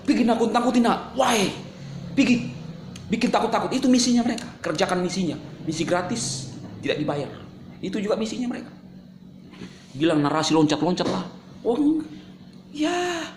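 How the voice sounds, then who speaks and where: Animated sarcastic man in an echoey room. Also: sits high, a little hiss or hum. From Indonesia. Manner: animated, sarcastic, jumps between shouting and mumbling. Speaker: video creator answering critics. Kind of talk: casual monologue to camera.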